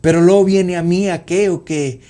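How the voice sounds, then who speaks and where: A man in his forties giving an earnest, halting personal faith testimony as a podcast guest, with frequent fillers. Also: high-pitched, fairly even intonation, mellow. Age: 40s. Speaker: podcast guest, youth minister.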